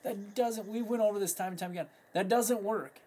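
A man's voice: high-pitched, a little fast, warm tone, a little hiss or hum. A man co-hosting a casual fishing chat, talking in an easygoing, plain way. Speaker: podcast co-host.

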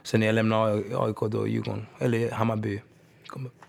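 A man in his thirties, a former pro footballer from Gothenburg, telling animated, slang-heavy stories in a casual podcast chat. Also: on the low side, gravelly. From Gothenburg, Sweden. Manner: animated storytelling, slang-heavy, keeps asking if you follow.

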